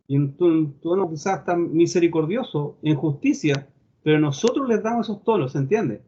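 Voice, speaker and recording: Male instructor, slightly high voice, explanatory delivery, muffled lo-fi recording. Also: a little mellow. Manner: explanatory, acts out quoted preachers' tones. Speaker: homiletics teacher. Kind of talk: recorded preaching class.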